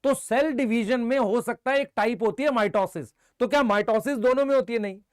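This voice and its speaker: A man teaching a biology lesson, briskly quizzing his students and answering for them, mixing Hindi with English terms. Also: very high voice, clear, resonant tone, no room sound, studio quality. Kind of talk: live online exam-prep lecture.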